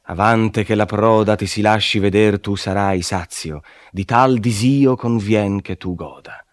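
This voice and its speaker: A man's voice: fairly low pitch, dry recording, natural voice. A man as a solemn old poet-guide. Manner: measured, solemn, reassuring. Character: wise, calm elder male poet-guide.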